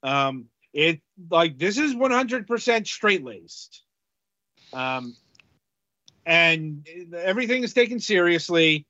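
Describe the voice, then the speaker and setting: A man co-hosting a casual game-review podcast, talking haltingly with many fillers. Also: fairly high pitch, very animated, bright, forceful tone, dry recording, highs cut off. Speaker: podcast co-host reviewing games.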